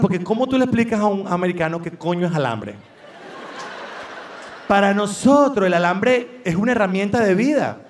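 High-voiced Venezuelan stand-up comedian. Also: male voice. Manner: animated storytelling with voices. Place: large live venue. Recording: echoey live venue from far off.

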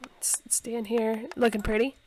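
A woman's voice: fairly high pitch, level tone, unhurried, dark tone. A young woman chatting casually over a life simulation game, giggling and talking to her characters, her voice a little scratchy from a cold. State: slightly hoarse from a cold. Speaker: let's play host.

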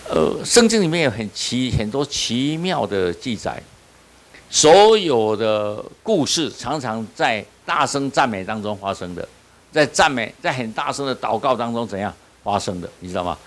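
A man's voice: mid-range voice, very animated, moderate pace. A man preaching as a pastor, asking the audience questions and answering them himself, often tagging on "you know?". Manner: repeats "你知道吗" often. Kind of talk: sermon at a small-group leader training.

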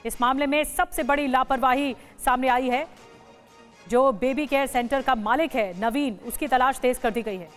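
High-pitched urgent woman news anchor. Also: moderate pace, a bit bright, soft background music. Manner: urgent, dramatic, rhetorical. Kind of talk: breaking news narration.

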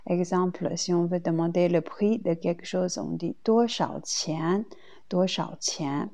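A woman with a Chinese accent, a native Chinese speaker, teaching a language lesson slowly and deliberately, repeating each example twice. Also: on the low side, dark tone.

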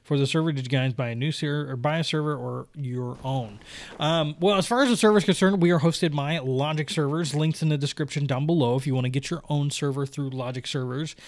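A man's voice: on the high side, fairly quick. Rambling young man reading comments. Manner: rambling, many fillers and restarts. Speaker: gaming YouTuber reading viewer comments. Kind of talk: casual solo commentary.

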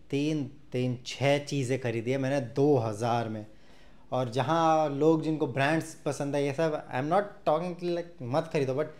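A man's voice: fairly high pitch, a little mellow. A man in his twenties from India, chatting casually to viewers in a clothing haul, recorded indoors on a lapel mic. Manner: chatty, mixes Hindi and English, addresses viewers directly. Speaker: fashion vlogger. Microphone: clip-on lapel mic.

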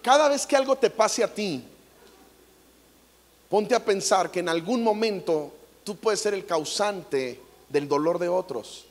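A high-pitched Mexican man telling stories in a jokey, animated way before an audience. His voice carries a long echo in a large hall. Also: unhurried. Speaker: motivational speaker. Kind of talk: comic inspirational talk.

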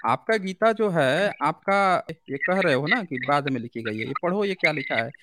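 A man's voice: a little high, lively intonation, sharp tone, a little hiss or hum. A man hosting a live call-in show, arguing with a caller and firing off one pointed question after another. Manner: argumentative, rapid-fire questioning. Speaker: host. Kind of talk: heated debate with a caller.

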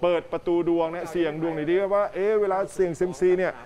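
A man co-hosting a Thai TV news show, giving playful, lively running commentary over news clips in a studio. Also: fairly high pitch, fast. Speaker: news co-host. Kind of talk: casual news chat.

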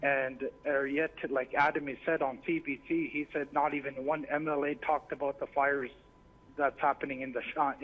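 Tinny phone line, man, even intonation, plain-spoken earnest caller. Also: on the high side. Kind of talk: informal phone-in commentary on local issues. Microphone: telephone.

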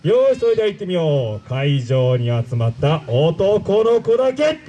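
An actor playing a pompous male android villain, speaking grandly to a live show crowd and shouting his calls. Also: fairly high pitch, big pitch swings, normal speed, rough recording. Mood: commanding. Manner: grandiose commanding speech, loud shouted calls. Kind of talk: live character-show acting.

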